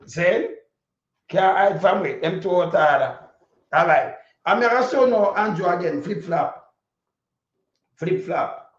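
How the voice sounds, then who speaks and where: A man's voice: high-pitched, expressive, measured pace, pauses often. A Jamaican man giving an informal political rant in Patois, blunt and indignant, with heavy swearing. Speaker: political commentator. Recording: dull lo-fi audio, echoey room.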